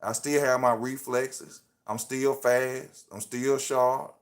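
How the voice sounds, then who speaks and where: Speaking slowly and steadily at a medium pitch, this livestream host in his thirties talks motivation off his phone. He leans on slang and hammers his points again and again, preacher-style.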